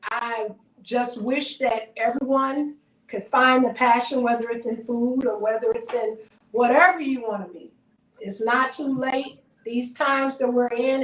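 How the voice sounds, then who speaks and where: A woman's voice: high-pitched, fairly bright tone. An earnest, heartfelt woman chatting casually as a guest in an interview. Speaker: guest, caterer. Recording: roomy, distant from the mic.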